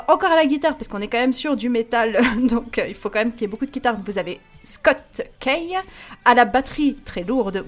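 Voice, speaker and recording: Brief: higher-voiced woman, eager and playful podcast reviewer, faint music behind. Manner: enthusiastic, playful, laughs often. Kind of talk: casual podcast chat.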